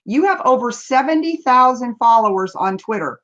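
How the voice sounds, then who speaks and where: A woman's voice: a little high, animated, normal speed, a bit bright. A woman hosting an interview over a video call, enthusiastic and full of praise, laughing often. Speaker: host. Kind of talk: casual interview. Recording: slightly dull lo-fi sound.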